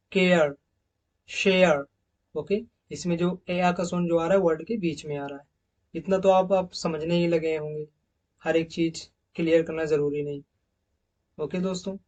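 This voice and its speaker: A man's voice: a little high, darkish tone, distant mic. A man teaching English pronunciation, saying each sound several times over and calling viewers his friends. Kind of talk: recorded slide lesson on pronunciation.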